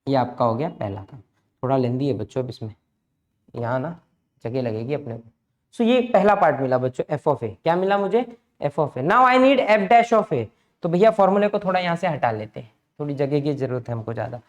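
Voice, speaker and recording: Man, maths teacher, brisk lecture, coaxing step-by-step. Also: mid-range voice, lively intonation. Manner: brisk, coaxing, talks students through each step. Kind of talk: lecture mixing Hindi and English.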